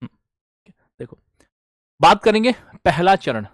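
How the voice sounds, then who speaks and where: A man's voice: high voice, very animated, a little slow, no echo, clean studio sound. Man teaching a drilling quiz class. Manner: repetitive question-and-answer drilling, addresses students as bhaiya and beta. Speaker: exam coaching teacher. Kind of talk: online current affairs class.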